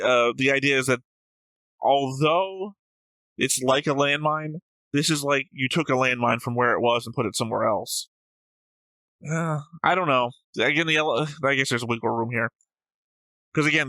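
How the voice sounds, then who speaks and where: Reading viewer comments on his reaction show, a man with a mid-range, bright, forceful voice talks casually, arguing, digressing, and correcting himself often. The audio is poor, with no room sound.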